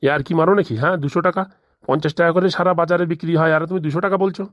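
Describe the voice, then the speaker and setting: A cartoon father, voiced by a woman who haggles hard and scolds sharply. The voice sits lowish and the words come out rapid-fire. The sound is dry and close. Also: fairly even intonation, dry recording, highs cut off, close to an everyday voice. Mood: haggling. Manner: bargaining, scolding. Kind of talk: cartoon voice acting.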